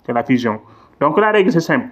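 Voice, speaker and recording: A man's voice: on the high side, very animated, fast. A man teaching a lesson on Quran recitation rules, patiently repeating examples and drawing out the Arabic words. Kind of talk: classroom-style lesson explaining tajwid rules. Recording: slightly dull, lo-fi sound.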